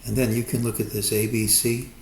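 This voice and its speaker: A man talking through a stock market chart forecast in a measured, cautious way, often hedging his calls. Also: mid-range voice, level tone, darkish tone, reverberant, a little hiss or hum. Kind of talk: chart analysis monologue.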